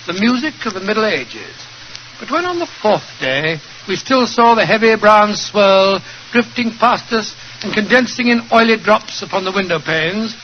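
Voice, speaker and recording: Man acting as genial older English doctor, high-pitched, avuncular storyteller, British accent, 1940s radio drama, dull vintage recording. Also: slight background noise, lightly acted.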